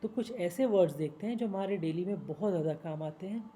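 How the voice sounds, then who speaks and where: A woman teaching spoken English, spelling out long words slowly, syllable by syllable. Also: on the low side, dark tone, a little hiss or hum, low-quality recording. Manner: slow, syllable-by-syllable spelling and pronunciation.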